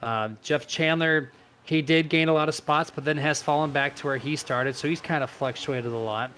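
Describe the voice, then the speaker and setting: A man giving live color commentary on a simulated stock car race, analytical and steady as he breaks down positions and tire wear. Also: fairly high pitch, moderate pace, a little hiss or hum.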